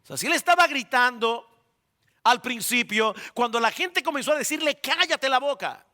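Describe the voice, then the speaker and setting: A male pastor preaching a sermon, speaking emphatically straight to his congregation and slowing down to stress key words. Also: very high-pitched, lively intonation, pushed and bright. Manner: emphatic, addresses the congregation directly.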